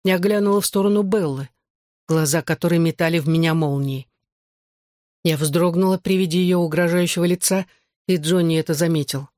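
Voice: medium pitch, fairly even intonation, a little fast, darkish tone, no echo. Dry, close audiobook narrator. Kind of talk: first-person novel narration.

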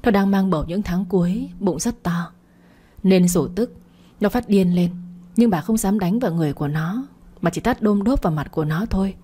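A woman reading a dramatic family story as narrator, in a steady storytelling way. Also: mid-range voice, normal speed, slightly rough.

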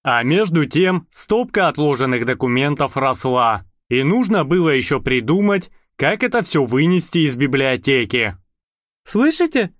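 A man narrating an audiobook in an expressive storytelling manner. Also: medium pitch, normal speed, few pauses, dry recording.

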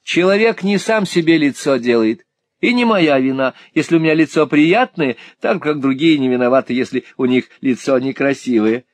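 A man's voice: medium pitch, moderate pace, no room sound, pitched above the performer's own voice, natural voice. A man voicing a pretty, self-satisfied young woman who talks in a coaxing, giggly way, in a storybook reading. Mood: teasing.

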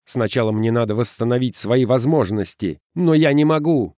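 A man's voice: mid-range voice, moderate pace, a little mellow, no echo, clean studio sound, natural voice. Hunted ordinary guy, urgent and pleading, voiced by a male narrator, audiobook. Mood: tense pleading. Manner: pleading, insistent. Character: ordinary hunted man, desperate but reasoning.

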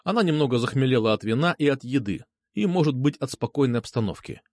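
A man narrating an audiobook in the first person, reading in an expressive, animated way. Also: medium pitch, fast, no room sound, studio quality.

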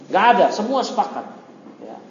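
A man's voice: sits high, big pitch swings, moderate pace, creaky, a little hiss or hum. A man giving a religious study lecture as a teacher, reading Arabic text and explaining it in Indonesian, sometimes asking his listeners questions. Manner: asks the audience questions. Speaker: Islamic teacher. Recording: echoey hall, dull lo-fi audio.

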